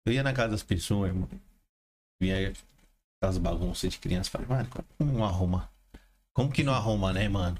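Dude yapping stories, lots of mano, bit of background hiss. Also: male voice, deep voice, fairly quick, long pauses, darkish tone. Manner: slangy storyteller, calls others mano and irmão. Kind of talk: casual chat.

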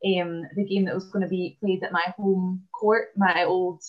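A Scottish woman in her twenties, a basketball player and dentist, chatting casually in an interview with many "um" pauses. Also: lowish voice, level tone, dull audio. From Scotland.

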